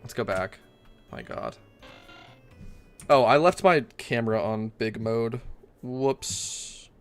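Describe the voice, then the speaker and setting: Young guy streaming a game, swears a lot, flips from mumbling to yelling, faint music behind. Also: medium pitch, slow. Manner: excitable, swears often, rants loudly at the game. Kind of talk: casual game livestream commentary.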